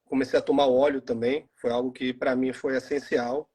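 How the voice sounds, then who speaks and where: A man in his forties from Salvador with a Bahian Brazilian accent, chatting casually as a guest on a live video call and pausing often with fillers. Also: mid-range voice, husky. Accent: Bahian Brazilian Portuguese. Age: 40s. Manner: relaxed, halting with frequent fillers. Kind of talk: casual live stream chat. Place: at home in Salvador.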